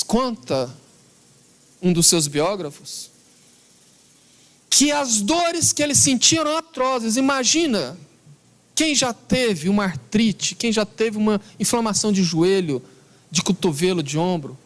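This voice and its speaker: A man's voice that sits high carries a Brazilian Portuguese accent as he gives a spiritist lecture. His story comes across earnest and emphatic, slowing down for key words.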